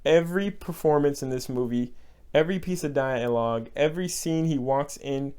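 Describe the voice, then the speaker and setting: This young man from Texas delivers a heartfelt, casual movie review at normal speed, his medium-pitched voice clear, resonant, and a bit mellow. He repeats words to drive points home and occasionally breaks into short laughs.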